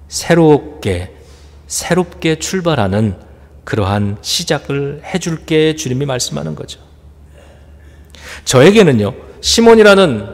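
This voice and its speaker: A male pastor preaching an earnest, reflective sermon with rhetorical questions. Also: medium pitch. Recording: long reverb in a church hall.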